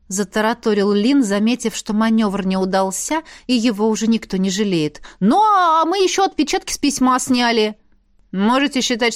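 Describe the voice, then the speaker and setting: A woman narrating a fantasy audiobook, reading every character's lines expressively. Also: medium pitch. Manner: lively, switches voices for characters.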